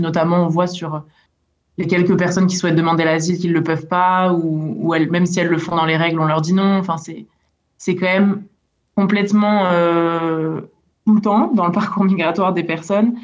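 Woman guest on a radio show, kinda flat delivery, lots of euhs and restarts, muffled lo-fi audio. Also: lowish voice, a little fast. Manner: hesitant, many fillers and restarts. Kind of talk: radio interview answer.

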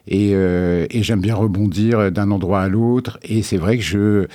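A man's voice: lowish voice, fairly even intonation, a little slow, dark tone. A man being interviewed as a guest artist, talking casually and hesitantly with many filler sounds.

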